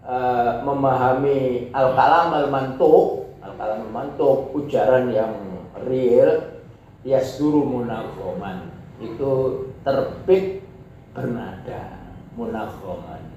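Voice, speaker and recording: A male teacher from Indonesia, giving a classroom lecture: he reads Arabic text aloud, then explains it in relaxed Indonesian with many repetitions. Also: mid-range voice. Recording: echoey hall, distant and dull mic, faint noise.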